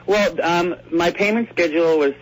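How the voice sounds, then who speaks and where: A man, a guest speaking calmly and deliberately by phone in a radio interview. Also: high-pitched, rough recording. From Canada, raised in Australia. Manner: calm, deliberate, many hesitations. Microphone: phone line.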